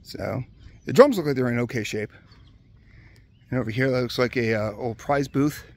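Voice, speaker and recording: Walking outdoors through an old, closed amusement park near Hershey, Pennsylvania, a man talks casually into a handheld camera, pointing out rides. His relaxed, chatty commentary is sprinkled with "uh" and "um," delivered in a mid-range voice at a moderate pace.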